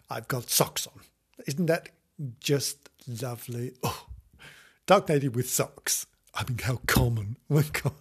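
Giggly rambling podcast host, husky man. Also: mid-range voice. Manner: giggly, playful, talks to himself. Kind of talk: rambling solo podcast chat.

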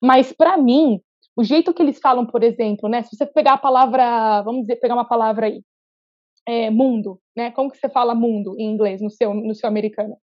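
A woman's voice: on the high side, a little fast, no room sound. Chatty Brazilian woman guest, dull lo-fi sound. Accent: Brazilian Portuguese, São Paulo state. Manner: chatty, animated, frequent restarts. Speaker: podcast guest. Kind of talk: casual interview chat.

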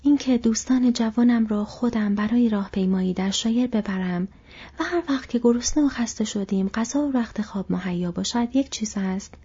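Thoughtful young male hobbit, voiced by a woman, soft and troubled, mellow tone. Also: a little high, breathy edge. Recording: dull lo-fi recording.

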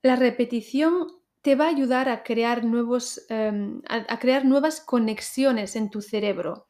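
A woman hosts a pronunciation lesson podcast, her voice sitting a little high. She teaches in a clear, deliberate way, addressing the listener directly. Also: darkish tone.

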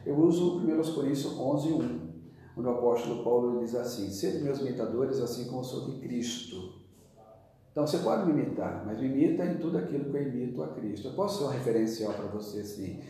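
A man's voice: medium pitch, expressive, fast, mellow. A man who is a pastor with a Brazilian Portuguese accent, teaching earnestly and emphatically in a church interview. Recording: very echoey room, voice from a distance.

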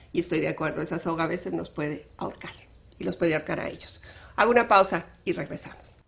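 A middle-aged woman with a Mexican accent hosting a live radio talk show, telling family stories in an animated way. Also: fairly low pitch. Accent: Mexican Spanish. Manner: animated storytelling, acts out dialogue, laughs often.

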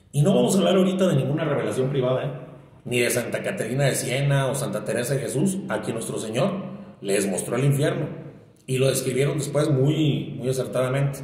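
A man's voice: mid-range voice, darkish tone. A man giving a conversational sermon, asking his listener "¿verdad?" and acting out the quoted lines. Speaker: preacher. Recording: very echoey hall.

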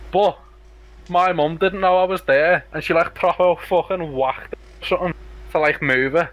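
A man's voice: a little high, poor audio. A man from Liverpool with a strong Scouse accent, chatting casually and telling sweary anecdotes as a podcast co-host. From Liverpool, England. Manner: sweary, animated storytelling.

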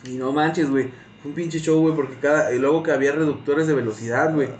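Young mexican dude w/ mexican accent, kinda high voice, roomy echo, slangy storytelling. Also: male voice, fast, highs cut off, a little hiss or hum. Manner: slangy, says güey constantly, animated retelling. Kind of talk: casual storytelling chat.

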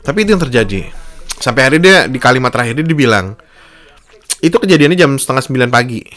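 A man's voice: animated, fast talker, a bit bright. A young man, telling a story in a casual monologue and voicing the people in it with a raised voice. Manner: slangy Jakarta-style speech, acts out quotes in a high voice.

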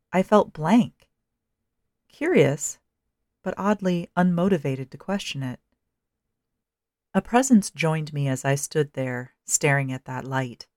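A woman narrating a first-person story in a measured, dryly wry manner. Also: sits low, a little mellow, no room sound, clean studio sound.

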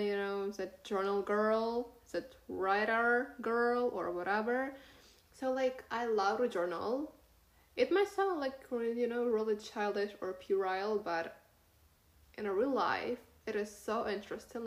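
Chatty teenage girl podcasting, echoey room. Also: mid-range voice. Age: teens. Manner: chatty, rambling, many fillers and "you know". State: talking through a sore cut cheek from braces. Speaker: podcast host. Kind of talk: casual solo podcast monologue.

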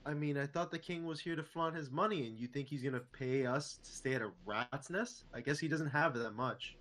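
A man playing a tabletop game, speaking softly and easily in character. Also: fairly high pitch, a little fast. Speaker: player.

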